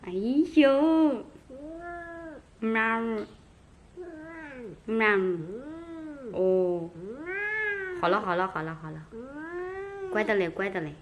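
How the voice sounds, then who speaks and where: A woman's voice: lowish voice, fairly even intonation, normal speed, pauses often. A woman talking to her pet cat at home in coaxing baby talk, scolding it playfully. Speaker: cat owner vlogger. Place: home, indoors.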